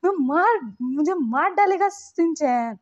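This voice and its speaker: A patient young man talks gently and placatingly, pitched high and bright, as a woman puts him on. He keeps coaxing and pleading, and the sound is slightly muffled. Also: expressive, unhurried. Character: patient young man soothing a sulky partner.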